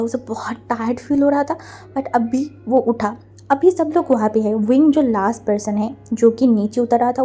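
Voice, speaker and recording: A woman's voice: a little high, mellow. A young university-student woman hosting a storytelling channel, chatting apologetically to her viewers and narrating a fan fiction story. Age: young adult. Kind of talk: casual fan-fiction reading.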